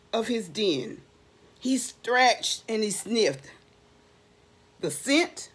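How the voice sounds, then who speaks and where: In a mid-range voice, a middle-aged teacher reads a children's storybook aloud to little ones. She expressively asks questions and then answers them, stretching out and repeating words to stress them.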